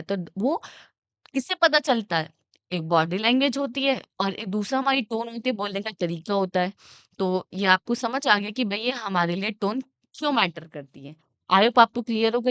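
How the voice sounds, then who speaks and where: A young woman teaching an exam-prep lesson. She explains with everyday examples she acts out, reads definitions slowly, and keeps checking "okay?". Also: medium pitch, a bit bright, clear, resonant tone, dry recording. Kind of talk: exam-prep lecture mixing Hindi and English.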